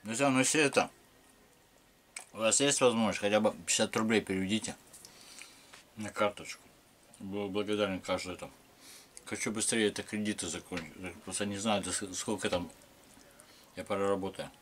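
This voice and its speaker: Man, low voice, talks through a full mouth, plain and plaintive, faint hiss behind. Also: steady tone, a little fast, pauses often, a bit bright. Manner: plain, plaintive talk about debts. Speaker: mukbang vlogger. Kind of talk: casual chat while eating.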